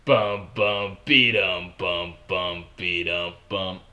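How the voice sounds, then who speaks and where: A creepy, very deep droning voice. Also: female voice, heavily acted. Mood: chanting. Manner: chants in a slow monotone. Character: creepy deep-voiced chanting girl, eerie.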